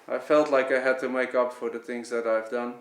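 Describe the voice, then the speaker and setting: In an echoey, roomy recording, a man whose first language is Dutch offers a sincere personal testimony without a script. He speaks with a Dutch accent at a medium, level pitch, often stopping to find his words.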